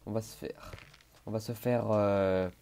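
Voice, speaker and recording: A man's voice: lowish voice, steady tone, measured pace, warm tone, a little hiss or hum. A young man giving casual gameplay commentary, hesitant with many fillers, talking to himself and breaking into panicked exclamations. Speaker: gaming YouTuber.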